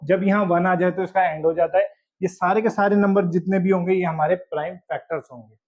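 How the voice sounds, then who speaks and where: A man with a high voice teaches a school math lesson. He works through each example step by step and keeps checking that the class is following. The audio sounds dull and lo-fi. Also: steady tone, a little fast, darkish tone. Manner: explains step by step, checks in with "ठीक है". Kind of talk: board-exam math lesson.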